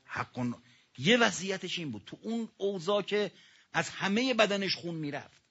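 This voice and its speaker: A man delivers a sermon with a mourning elegy in a husky, breathy voice. He swings from loud, dramatic outbursts to quiet, hushed passages and often calls out to his listeners directly. The recording sounds dull and lo-fi. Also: high voice, animated. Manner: addresses the audience directly. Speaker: preacher.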